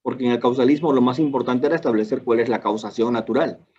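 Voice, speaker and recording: Man, Peruvian accent, husky voice, law lecture, rhetorical questions, dull lo-fi recording. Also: mid-range voice, fairly even intonation, fast talker, a little mellow. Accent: Peruvian Spanish. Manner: asks and answers his own rhetorical questions; colloquial asides.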